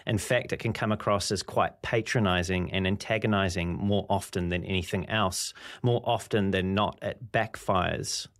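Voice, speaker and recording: A man hosting an interview, asking long, measured questions and quoting his guest. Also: deep voice, fairly even intonation. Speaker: interviewer, host.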